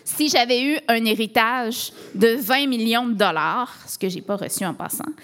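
Canadian woman preaching a lively sermon. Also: fairly high pitch, moderate pace. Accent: Québécois French. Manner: conversational preaching with rhetorical questions and frequent tags like "hein" and "là". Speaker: pastor.

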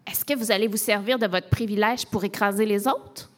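A woman pastor from Canada, with a Québécois French accent, preaches a sermon at a middle pitch. She keeps it conversational, asking rhetorical questions and tossing in casual tags as she explains. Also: fairly even intonation, a little fast.

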